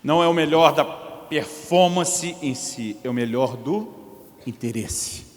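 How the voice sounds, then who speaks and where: Man, pastor, high-ish voice, sermon, echoey church hall. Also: a little slow. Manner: storytelling with acted quotes and jokes.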